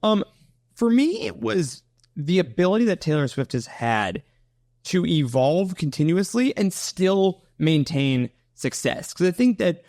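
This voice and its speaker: A man co-hosting a casual podcast, joking and tossing in playful asides as he talks. His voice sits a little high for a man. It is recorded close and dry on a studio mic, with no room sound. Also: a little slow, vocal fry, dry recording. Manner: playful and jokey, animated storytelling. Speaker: podcast co-host. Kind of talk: casual chat.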